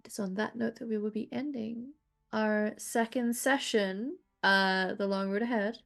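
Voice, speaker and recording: A woman narrating as game master of a tabletop game, halting at times, with restarts. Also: mid-range voice, steady tone, vocal fry, fairly bright tone, faint music behind.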